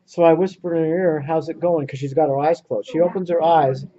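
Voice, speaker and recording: A man leading a workshop, telling a story to a small audience in an earnest, animated way. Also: fairly high pitch, a little fast. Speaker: workshop leader. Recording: muffled lo-fi recording.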